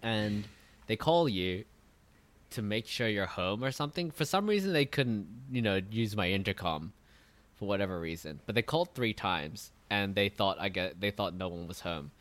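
A man's voice: lowish voice, normal speed. Swearing, storytelling man. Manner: animated storytelling, swears freely, laughs at own jokes. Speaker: podcast co-host. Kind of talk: casual chat.

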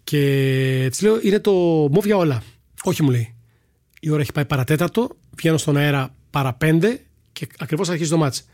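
A middle-aged man with a somewhat high voice recounts his broadcasting anecdotes with gusto. He acts out the people in his stories, shifting his tone as he quotes them. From Greece. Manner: animated storyteller who acts out voices in quotes. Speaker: sports broadcaster, guest. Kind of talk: storytelling in a podcast chat.

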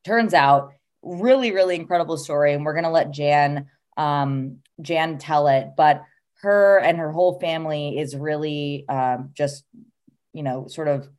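A woman co-hosting a podcast in casual chat, enthusiastic and agreeable, with quick laughs. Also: low voice, darkish tone. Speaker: podcast co-host.

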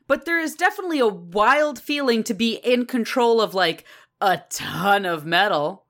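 A young adult woman co-hosting a casual book podcast, excitable and rambling, swearing freely. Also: medium pitch, moderate pace. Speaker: podcast co-host.

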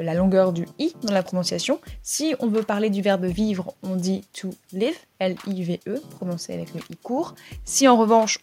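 A young woman in her twenties hosting a podcast, teaching English pronunciation in a clear scripted delivery and spelling words out letter by letter. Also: mid-range voice, a little mellow. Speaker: podcast host.

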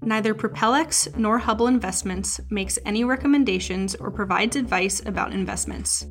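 A woman's voice: medium pitch, normal speed. A woman announcer delivering a scripted legal disclaimer in a formal read. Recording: music bed under the voice. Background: synthesizer music.

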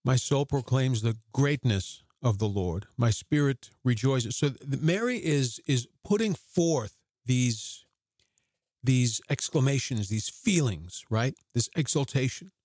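A man delivers a devotional teaching in an earnest voice of middle pitch. He slows right down when quoting scripture and becomes animated in between. The sound is dry and close, with no room echo. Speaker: podcast host.

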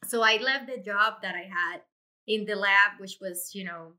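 A middle-aged Puerto Rican woman who owns an insurance agency speaks as a guest in a conversational interview, sharing her career story. Her mid-range voice moves at a moderate pace, pushed and bright, and she talks expressively and effusively about her own experience.

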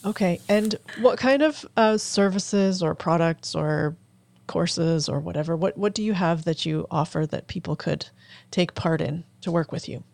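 A woman podcast host chats casually in an interview. Her voice sits slightly low, and she puts simple questions and short affirmations to her guest. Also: normal speed, gravelly, a little mellow.

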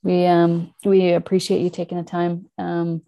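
A woman's voice: lowish voice, monotone, normal speed, creaky, dull audio. A woman hosting a casual podcast interview. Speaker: podcast host.

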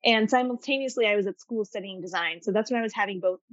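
A woman's voice: medium pitch, dry recording. Thoughtful young woman from Arkansas. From Arkansas, United States. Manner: thoughtful, measured storytelling. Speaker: guest designer. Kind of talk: reflective interview answers. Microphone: video call. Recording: dry, slightly dull video-call audio.

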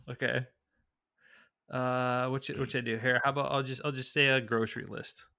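A man's voice: mid-range voice, flat delivery, moderate pace, gravelly, bright, forceful tone. A man co-hosting a podcast in casual chat, hesitant and repeating his words.

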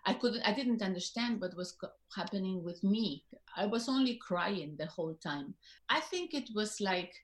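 A woman in her fifties from Spain with a Spanish accent, answering interview questions in a reflective, halting way with many fillers and restarts. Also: medium pitch, expressive, roomy sound. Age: 50s. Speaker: guest. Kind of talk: interview conversation.

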